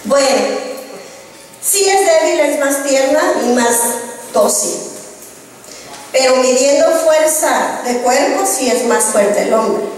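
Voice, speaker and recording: High-voiced Mexican woman preaching in echoing hall. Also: animated, slow, long pauses, a little mellow, slight background noise. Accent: Mexican Spanish. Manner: asks the congregation rhetorical questions. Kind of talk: sermon. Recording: distant echoey hall recording.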